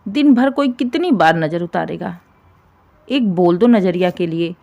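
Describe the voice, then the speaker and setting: A woman storyteller voices a shrill, taunting older mother-in-law, pushing her voice up high and loud with vocal fry. The character nags and complains with a grasping, sharp tongue, like a figure in a spoken family drama storybook, delivered expressively at a measured pace.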